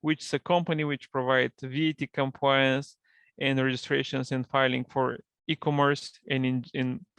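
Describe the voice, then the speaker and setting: A man's voice: mid-range voice, flat delivery, normal speed, fairly bright tone, clear, resonant tone, no echo. Bulgarian guy on a video call, dry close sound, explains stuff in careful second-language english. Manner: fluent non-native English, explanatory. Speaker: guest, partnership manager. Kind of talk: online interview.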